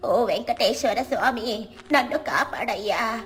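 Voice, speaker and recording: A woman's voice: fairly high pitch, measured pace, a bit bright, soft background music. A woman voicing a frightened old village woman who has lost her way at night, crying out and pleading in a trembling voice. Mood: fearful, wary. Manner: trembling, fearful cries and pleas.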